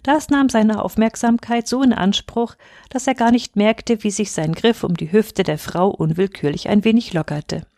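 Female reader, steady storytelling narration, mid pitch, dry close sound. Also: normal speed, no room sound. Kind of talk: scripted narration of a folk tale.

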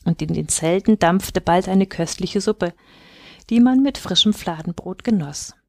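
A woman storyteller telling a tale to children at bedtime, gentle and measured. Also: mid-range voice, dry recording, clean studio sound.

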